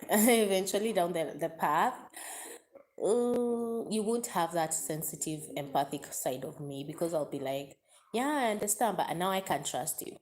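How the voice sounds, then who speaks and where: Emotional woman, lowish voice. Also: animated, measured pace, darkish tone. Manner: emotional, open, talks to viewers' comments. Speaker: live-stream host. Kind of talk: casual confessional live chat.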